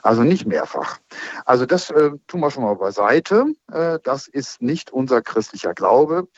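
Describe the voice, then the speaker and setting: Husky-voiced priest answering callers. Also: male voice, medium pitch, sing-song, normal speed, no room sound, lo-fi sound. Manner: thoughtful, explaining with many fillers.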